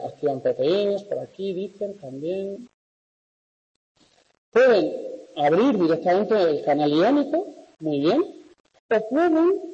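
Long, echoing reverb surrounds a man from Spain with a Spanish accent as he lectures. His voice is high and somewhat mellow. He talks conversationally to his class, often checking that they understand. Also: slightly rough. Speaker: university lecturer. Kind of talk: interactive lecture to class and remote students. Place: large echoey classroom. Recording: echoey classroom, long reverb, dull sound.

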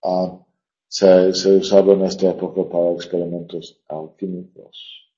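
Man, teacher, hesitant lecture, slow, mellow, lo-fi classroom sound. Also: sits low, flat delivery. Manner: hesitant, full of fillers, explanatory. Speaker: literature teacher. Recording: dull lo-fi classroom recording.

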